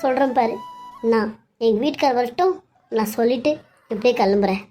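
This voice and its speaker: A woman's voice: fairly high pitch, brisk, warm tone, faint music behind, natural voice. A woman voicing a hurt young wife who firmly refuses to leave. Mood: stubborn. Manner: firm, insistent.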